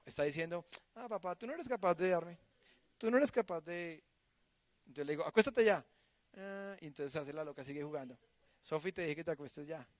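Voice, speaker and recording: A man, preaching a sermon as pastor, animated and acting out quoted voices, swinging from loud to hushed. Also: fairly high pitch, dry recording.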